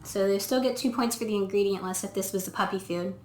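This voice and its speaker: Speaking quickly in a mid-range voice with a darkish tone, a woman veterinarian casually reviews dog food while filming herself indoors. She works through it step by step, thinking aloud with plenty of ums. A little hiss or hum sits under the camera-mic audio, which sounds echoey.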